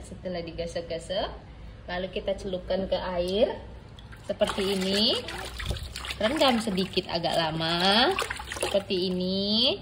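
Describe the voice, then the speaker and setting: A woman playing a calm, instructive cooking-show presenter, giving step-by-step directions. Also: lowish voice, slight background noise, close to an everyday voice.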